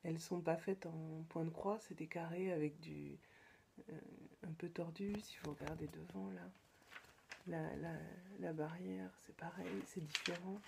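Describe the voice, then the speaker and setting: A woman from France hosting her own podcast, chatting casually and hesitantly, with many fillers and restarts and soft whispered asides. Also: low voice, steady tone, measured pace, gravelly, slight background noise. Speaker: podcast host. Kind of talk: casual show-and-tell chat.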